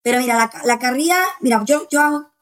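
A woman's voice: high-pitched, steady tone, fast talker, poor audio. Frank woman in her thirties. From Houston, USA. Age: 30s. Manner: frank, swears freely, switches into English. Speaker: guest. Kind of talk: candid casual conversation.

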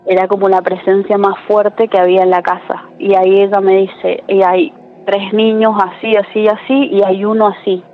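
A woman's voice: mid-range voice, level tone, normal speed, faint music behind. A woman, a caller telling a true story in a chatty way with lots of tag questions. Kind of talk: casual storytelling. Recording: tinny phone line with faint noise.

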